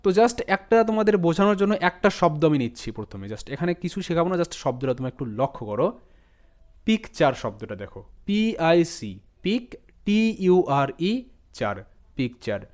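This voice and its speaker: Man spelling words out slowly. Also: on the high side, very animated. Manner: spells words letter by letter, then repeats them slowly. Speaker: English reading teacher. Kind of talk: spoken language lesson. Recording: dull lo-fi sound.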